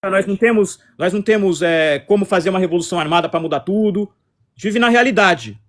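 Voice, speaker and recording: A man's voice: sits high, brisk. A man with a Brazilian accent hosting a casual live stream, talking combatively and repeating himself as he answers chat comments. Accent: Brazilian Portuguese.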